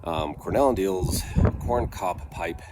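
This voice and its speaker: Guy with a low voice just chatting thru a review, kinda halting, breezy outdoor noise in the back. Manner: halting, thinking aloud with trailing pauses. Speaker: pipe tobacco reviewer. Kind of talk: casual rambling review chat.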